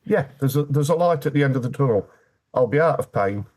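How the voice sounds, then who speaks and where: A man's voice: medium pitch, expressive, a little fast, darkish tone. A British man speaking as an interview guest, telling his personal story candidly in a plain-spoken way with dry, wry humour.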